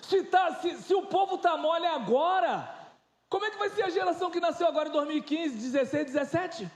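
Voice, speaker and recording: Pastor, man in his 30s, very high voice, animated and joking, informal sermon in an echoey church. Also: a little fast. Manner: animated, joking, shifts into loud and soft.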